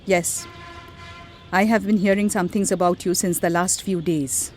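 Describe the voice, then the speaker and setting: An actress playing a haughty, scornful, middle-aged wealthy matriarch in a radio drama. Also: female voice, fairly low pitch, fairly even intonation, unhurried, darkish tone, slight background noise, natural voice. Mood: stern, ashamed. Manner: imperious, scornful, commanding. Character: haughty, threatening wealthy family matriarch, mother of grown son.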